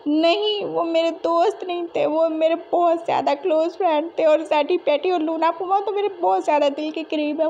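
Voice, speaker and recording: A woman's voice: very high voice, a little mellow, dull audio, slight background noise. A woman voicing a whiny childish young man. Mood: sulking. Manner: rambling, complaining, tearful. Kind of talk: fan fiction storytelling.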